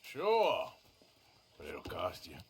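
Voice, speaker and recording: A gruff outlaw from a video game, middle-aged and weary. He talks in short, dry, sardonic lines. His pitch still swings widely between them. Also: wildly swooping pitch, slow, slight background noise, heavily acted. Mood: wry. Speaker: game character. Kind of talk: video game cutscene acting.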